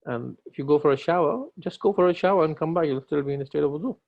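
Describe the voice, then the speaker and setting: A man's voice: fairly high pitch, fast talker, gravelly. A man teaching a religious class online, patiently answering students and correcting their pronunciation. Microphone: video call. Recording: lo-fi online call audio.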